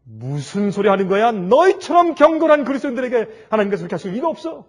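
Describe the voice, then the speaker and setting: A man voicing an eager older mother who calls her daughter about a newborn and presses for news in a high voice. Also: very animated, quick pace. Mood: disbelieving.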